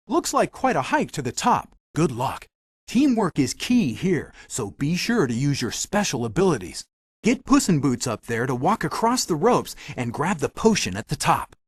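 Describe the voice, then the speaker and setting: A man's voice: on the high side, slightly rough, no room sound, studio quality, exaggerated voice. A man voicing a magic mirror in a video game, a helpful storybook guide with a theatrical storytelling delivery. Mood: helpful, encouraging. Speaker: game hint-giver and story narrator. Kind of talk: scripted video game narration.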